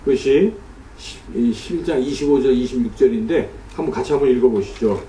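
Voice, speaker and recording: A man's voice: medium pitch, fairly quick, mellow, reverberant, recorded from a distance, slight background noise, low-quality recording. A man preaching a sermon as a pastor, explaining scripture and asking the congregation rhetorical questions. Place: church sanctuary.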